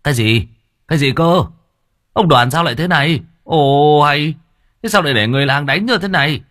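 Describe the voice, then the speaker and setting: A man voicing a hot-tempered elderly male village chief who scolds loudly. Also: mid-range voice, big pitch swings, brisk. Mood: indignant. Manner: loud, blustering scolding.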